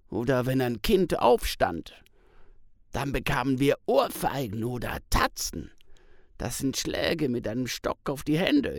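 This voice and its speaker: A man voicing a troubled father who recalls a harsh childhood at school, with a halting, emotional delivery. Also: a little high, gravelly, no room sound, clean studio sound, voice pushed up, heavily acted. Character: troubled adult father haunted by school beatings.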